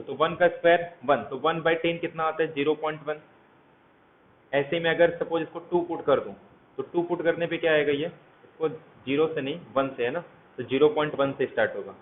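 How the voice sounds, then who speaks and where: A man's voice: fairly high pitch, normal speed. A man teaching a math lecture, walking through each step and asking his students questions as he goes. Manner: walks through steps, asks students questions. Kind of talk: explanatory lecture. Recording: tinny phone-like audio, faint hiss.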